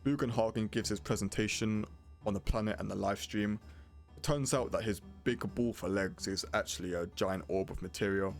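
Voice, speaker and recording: A man's voice: on the low side, normal speed, gravelly. A man narrating a scripted video game review in a blunt, casual way. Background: prominent music.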